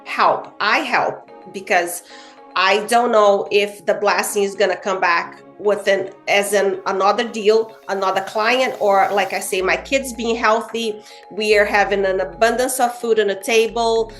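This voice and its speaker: Earnest woman, animated. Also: mid-range voice, measured pace, soft background music. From Brazil. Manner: earnest, animated, with frequent "you know" fillers. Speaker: guest realtor. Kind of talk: casual interview chat.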